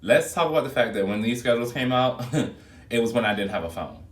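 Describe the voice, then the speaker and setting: A man's voice: mid-range voice, animated, fairly quick. A man who works as a flight attendant, chatting casually and expressively to his viewers, recorded on a phone video. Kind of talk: casual vlog chat to viewers. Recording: echoey room, phone mic held back at a distance.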